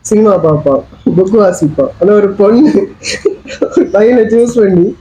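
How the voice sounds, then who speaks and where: A speaker who shares opinions in casual chat, halting and repeating words. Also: mid-range voice, expressive, dark tone, slight background noise, poor audio. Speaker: podcast co-host.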